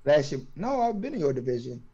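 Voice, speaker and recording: A man with a notably high voice talks through a phone, and his audio comes out fuzzy and distorted. The sound is dull and lo-fi, and he trips over his words and restarts often in a loose, casual back-and-forth. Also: fast. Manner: animated, stammering restarts. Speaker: fantasy football league member. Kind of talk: casual trash-talk chat.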